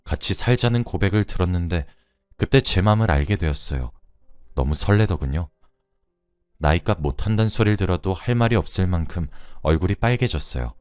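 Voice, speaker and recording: A man's voice: low voice, lively intonation, a little fast, a little mellow, no echo, studio quality. A man reading out a first-person true story as scripted narration.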